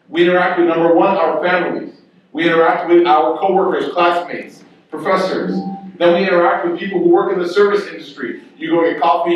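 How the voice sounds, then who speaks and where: A man's voice: high-pitched, muffled recording. A young man, an imam, giving a Friday sermon in a mosque, telling stories and often asking "right?" to the listeners. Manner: storytelling, acts out quoted voices, asks rhetorical "right?". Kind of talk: sermon with storytelling. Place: mosque prayer hall. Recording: very echoey hall, mic at a distance.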